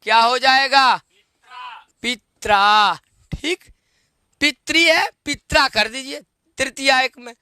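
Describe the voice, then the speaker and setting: A male Sanskrit teacher leads an online grammar lesson, speaking slowly and unhurriedly. His voice is very high and ringing bright, smooth and clear. He repeats each form, asks quick questions and chants the declensions in a sing-song way, recorded close and dry. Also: no echo. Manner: repeats forms and quizzes students with questions.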